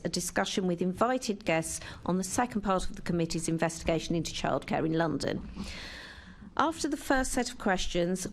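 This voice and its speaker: A woman chairing a council committee meeting in a chamber, running formal procedure with occasional hesitant restarts. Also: medium pitch.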